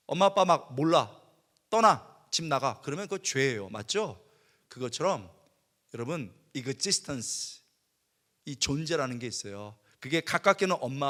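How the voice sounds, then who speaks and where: A male pastor preaching a sermon in a church, telling a personal story and acting out his younger self in animated outbursts. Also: mid-range voice. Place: church worship hall.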